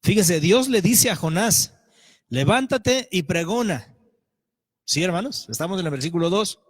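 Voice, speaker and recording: A male pastor preaching a sermon, animated, acting out voices and questioning the congregation. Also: sits high, a little fast. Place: church sanctuary. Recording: church hall reverb.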